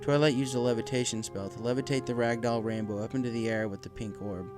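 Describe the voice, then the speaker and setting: Over background music, a man with a mid-range voice reads a story aloud as dramatic scripted narration. His tone stays steady while his pace is fast.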